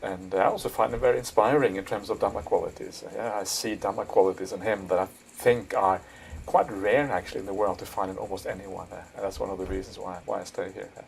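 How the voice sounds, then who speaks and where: A middle-aged man from Norway, a Buddhist monk answering interview questions thoughtfully, with many pauses and fillers. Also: low-pitched, steady tone, vocal fry, a little hiss or hum, rough recording. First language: Norwegian. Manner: thoughtful, frequent "uh" and "yeah", soft laughs. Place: monastery.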